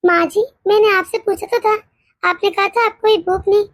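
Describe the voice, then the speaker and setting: Meek pregnant daughter-in-law. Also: female voice, very high voice, steady tone, normal speed, no echo. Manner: meek, hesitant, stammering. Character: timid, exhausted pregnant young daughter-in-law. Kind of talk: animated storybook voice acting.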